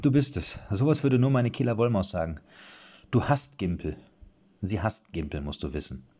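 Earnest young hero, pleading yet defiant, as a man puts him on, lively and a bit loud, dull storybook recording. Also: mid-range voice, brisk, slightly rough, voice pushed up. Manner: pleading, trying to sound calm.

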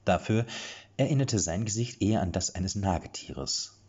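Brief: male audiobook narrator, very lively melody, playful delivery. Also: deep voice, normal speed, slightly rough. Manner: expressive, playful storytelling. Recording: dull lo-fi recording.

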